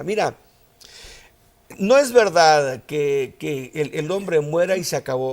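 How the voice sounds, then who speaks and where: A man's voice: fairly high pitch, vocal fry, a little mellow. A male pastor preaching a sermon, telling a story and rising to emphatic outbursts.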